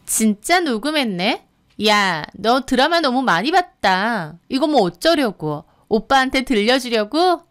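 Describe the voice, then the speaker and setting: A woman's voice: fairly high pitch, big pitch swings, unhurried, fairly bright tone, clean tone. A woman playing a sneering, menacing sister-in-law. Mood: scornful. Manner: mocking, contemptuous, menacing. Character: sneering bullying young sister-in-law, vicious and threatening. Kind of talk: radio drama acting.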